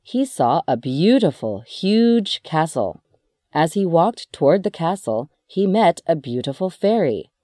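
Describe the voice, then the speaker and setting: A children's storyteller reads unhurriedly, and the voice rises and falls widely. The sound is close and dry, with no echo around it. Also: mid-range voice. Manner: slow, expressive read-aloud.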